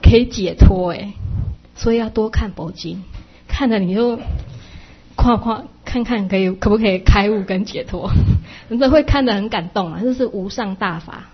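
Husky-voiced woman teaching a sermon. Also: medium pitch, normal speed, lo-fi sound. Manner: chatty, with frequent soft sentence-final particles. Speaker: Buddhist dharma teacher. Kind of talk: explanatory Buddhist sermon.

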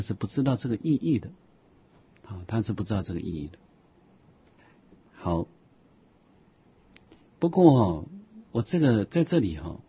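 A man giving an explanatory Buddhist lecture, repeating key phrases slowly and dropping soft asides between points. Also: mid-range voice, slightly rough, no room sound. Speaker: Buddhist dharma teacher. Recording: dull lo-fi recording.

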